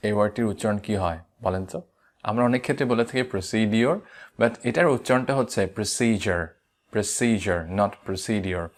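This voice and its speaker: Bangladeshi man teaching English pronunciation. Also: on the low side. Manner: slow deliberate model words, repeats them. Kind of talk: online pronunciation lesson.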